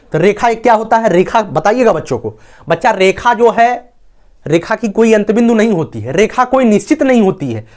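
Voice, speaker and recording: Standing at a board, a man with a high voice teaches a maths lesson. He explains things step by step and keeps checking that his listeners are following.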